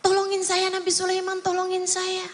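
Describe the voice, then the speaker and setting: A woman's voice: sits high, measured pace. A woman preacher voicing a frightened young man who begs for help in a retold story. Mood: pleading. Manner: pleading, anxious. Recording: long hall reverb.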